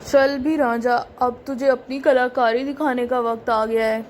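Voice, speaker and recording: A woman's voice: fairly high pitch, fairly even intonation, measured pace, lightly acted. A woman voicing a brave, sly young army officer in a doll story. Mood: cocky. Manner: cocky, playing innocent. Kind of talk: doll story role-play.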